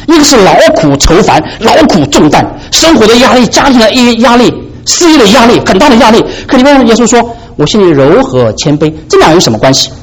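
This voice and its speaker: Man, preacher, sermon, husky, very animated pitch, rhetorical questions. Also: poor audio. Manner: swings between soft low asides and high emphatic peaks. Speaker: pastor.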